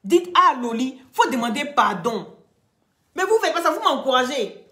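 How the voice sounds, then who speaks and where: A woman's voice: sits high, sing-song, moderate pace, sharp tone, reverberant. A woman hosting a live video, speaking straight to her followers in an emphatic, lecturing way. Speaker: social media live-stream host.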